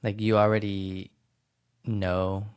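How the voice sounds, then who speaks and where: A man's voice: fairly low pitch, level tone, slow pace, smooth. A man hosting a podcast interview, chatting casually and searching for his words with many fillers. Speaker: podcast host.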